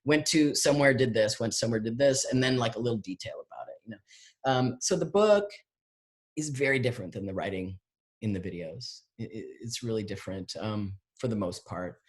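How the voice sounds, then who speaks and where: Rambling man answering questions on a video call. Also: medium pitch. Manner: halting, rambling with many fillers and restarts. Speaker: guest artist. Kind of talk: casual conversation, answering questions.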